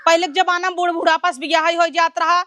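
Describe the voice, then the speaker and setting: A woman with an Awadhi accent playing a sharp-tongued, cursing village mother-in-law in a comedy sketch. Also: very high-pitched, steady tone, quick pace. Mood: scolding. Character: scolding old village mother-in-law under sixty.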